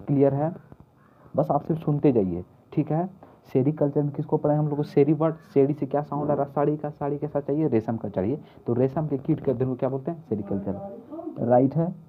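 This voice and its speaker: Through tinny lo-fi audio that sounds like a phone, a mid-range male voice with slight background noise delivers a mnemonic lesson for exam preparation. He's repetitive, hammering key words and answering his own questions.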